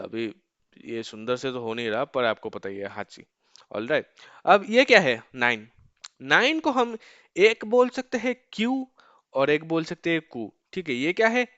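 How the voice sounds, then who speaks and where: A man teaching a beginner language lesson in a casual spoken style, often checking in with "okay" and slowing down to drill words. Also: medium pitch, fairly bright tone, clean tone, no room sound, lo-fi sound. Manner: repeats "ठीक है" often, slows to drill numbers.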